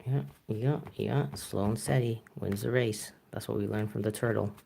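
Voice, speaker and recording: Rambling Canadian man, lowish voice. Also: normal speed, vocal fry, mellow, a little hiss or hum. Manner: rambling, filler-heavy, chuckling. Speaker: artist streaming live. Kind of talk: casual live-stream chat while painting.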